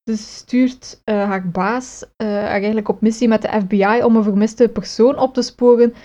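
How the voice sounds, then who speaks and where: Woman co-host, rambling recap, mellow, dull lo-fi sound. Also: on the high side, fairly even intonation, moderate pace. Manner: rambling, self-correcting with many fillers. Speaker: podcast co-host recapping episodes. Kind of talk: casual chat.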